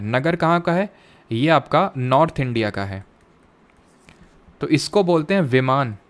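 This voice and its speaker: A young man with an Indian accent teaching an exam-prep history class. He puts questions to his students, answers them himself, and drops English terms into his speech. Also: on the high side. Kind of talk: classroom lecture with quiz questions.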